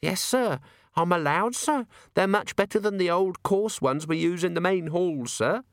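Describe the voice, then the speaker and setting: Guy doing a nervous young maid voice, way up high, sir-this sir-that, storybook. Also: moderate pace, no echo, studio quality. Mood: timid. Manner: timid, adds "sir" to everything. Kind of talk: audiobook character voice.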